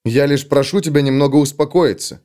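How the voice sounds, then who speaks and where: A man voicing a weary, patient human swordsman in an audiobook, with calm, dry replies. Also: medium pitch, fairly quick, natural voice. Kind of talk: audiobook character voice.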